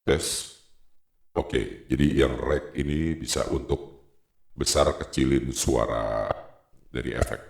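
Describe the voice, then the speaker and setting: A man talking slowly through a deep voice-changer filter while testing it. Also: fairly even intonation, gravelly, reverberant, heavily acted. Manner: slow, testing the effect.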